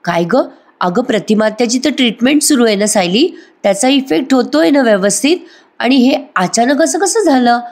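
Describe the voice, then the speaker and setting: A woman's voice: a little high, lively intonation, moderate pace, a little mellow, voice pushed up. Young husband, questioning and defensive, as a woman puts him on. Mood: concerned.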